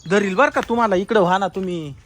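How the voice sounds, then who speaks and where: A man's voice: sits high, fast talker, noisy background. A man playing an uncle in a comedy skit, talking in frantic, repetitive calls.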